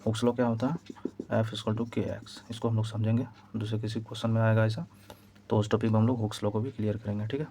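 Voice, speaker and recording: A man's voice: fairly low pitch, flat delivery, quick pace, warm tone, a little hiss or hum. A man teaching an exam-prep physics lesson, explaining step by step and repeating key points. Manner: repetitive, explaining step by step while writing.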